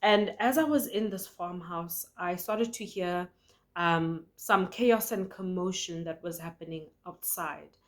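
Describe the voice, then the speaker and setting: A woman's voice: lowish voice, measured pace. Earnest woman sharing a prophetic dream. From South Africa. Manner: earnest, conversational, with frequent fillers and restarts.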